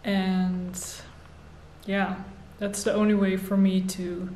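A woman in her thirties talking casually to the camera, thoughtful and unhurried, pausing with fillers. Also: medium pitch, flat delivery, dark tone. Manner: slow, thoughtful, with pauses and fillers. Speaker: vlogger. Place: bright room indoors. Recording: echoey room, faint noise.

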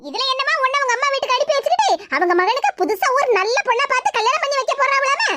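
A woman voicing a bold, sharp-tongued neighbor woman in a cartoon, chatty and outspoken, with a Tirunelveli Tamil accent. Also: very high voice, animated, very fast, dry recording, clean studio sound, heavily acted. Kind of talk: cartoon voice acting.

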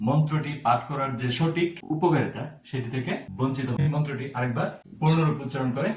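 A man giving a slow, careful pronunciation lesson, spelling words out sound by sound. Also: mid-range voice, reverberant, distant mic. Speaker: teacher.

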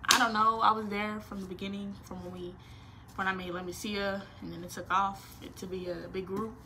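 A brisk, medium-pitched woman's voice carries over slight background noise. She's a nineteen-year-old vlogger answering questions casually from her small bedroom, animated, playful and slangy, with expressive hand movements.

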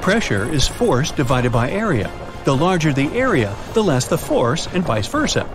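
A man tells a trap-filled adventure straight to the listener in a bouncy, expressive voice that swings widely in pitch. His delivery is pitched a little high and styled as scripted storytelling, with soft music running behind. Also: normal speed. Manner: lively, dramatic, second-person storytelling with quiz questions. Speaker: narrator. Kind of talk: scripted narration of riddle story. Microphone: studio voice-over.

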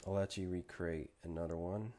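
A man's voice: deep voice, fairly even intonation, moderate pace, dark tone. A man narrating casually as he works on a 3D sculpt, muttering asides to himself. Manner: mumbling asides to himself while working. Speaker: 3D modeling vlogger. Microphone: desk microphone.

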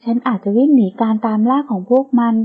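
A woman's voice: on the high side, fast talker, breathy edge. A woman reading the part of a young heroine who has lost her memory in an audiobook novel, earnest and questioning. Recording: tinny phone-like sound.

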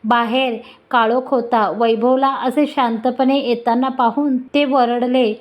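A woman narrating a love story in a steady reading voice. Her pitch sits a little above the usual for a woman. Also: measured pace, muffled recording.

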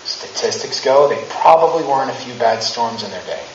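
In a church sanctuary, a man in his thirties preaches a casual, humorous, conversational sermon, acting out quotes with rising emphasis. His mid-range voice has lively intonation and a normal speed, picked up by a handheld mic and a far camera in a roomy, distant, dull recording with slight background noise.

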